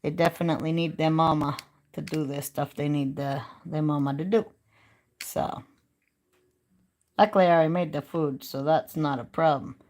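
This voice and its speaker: A woman's voice: low-pitched, fairly even intonation, moderate pace, a little mellow. A woman chatting casually on a live stream and talking straight to her viewers in a folksy, easygoing way. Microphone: phone.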